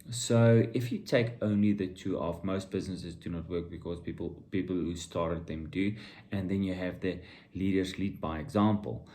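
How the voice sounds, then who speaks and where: A middle-aged man, a vlogger and entrepreneur, gives viewers an informal motivational monologue in a low, dark-toned voice at a moderate pace. He speaks bluntly, hammering his opinions home with emphatic repetition.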